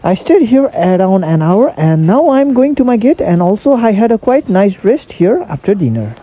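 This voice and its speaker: A woman's voice: mid-range voice, very animated, moderate pace, lo-fi sound. A woman narrating a travel vlog in a plain, matter-of-fact, scripted way. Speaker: travel vlogger.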